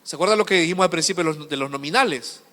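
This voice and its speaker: A man preaching a sermon with passion, moving between hushed asides and loud, emphatic lists. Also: a little high, racing, in a large hall. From El Salvador.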